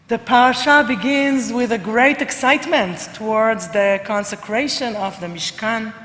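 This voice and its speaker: A woman rabbi with an Israeli accent, a native Hebrew speaker, giving a sermon in a hoarse, broken voice as from a cold. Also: medium pitch. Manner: frequent throat clearing, unhurried. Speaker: visiting rabbi. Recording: reverberant hall with background noise.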